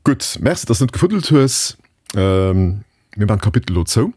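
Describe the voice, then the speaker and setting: A man's voice: fairly low pitch, sing-song, normal speed, darkish tone, husky, no room sound, clean studio sound. A man hosting a casual interview, prompting his guest with short questions. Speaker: podcast host.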